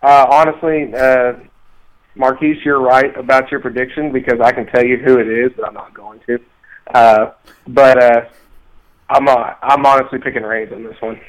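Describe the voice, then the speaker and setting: A man co-hosts a casual podcast chat, telling stories with animated energy. He laughs his way through them. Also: medium pitch, moderate pace, low-quality recording. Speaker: podcast co-host.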